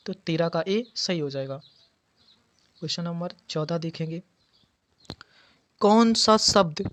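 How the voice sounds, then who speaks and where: A man teaching an exam preparation lesson, going through quiz answers and patiently repeating key words. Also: a little high. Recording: dull lo-fi audio.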